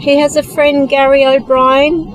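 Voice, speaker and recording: A woman hosting a spirit session, talking to ghosts in a gently coaxing, polite way, calling out questions and pausing for answers. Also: high-pitched, little pitch movement, slight background noise, low-quality recording. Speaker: host of a spirit box session, medium.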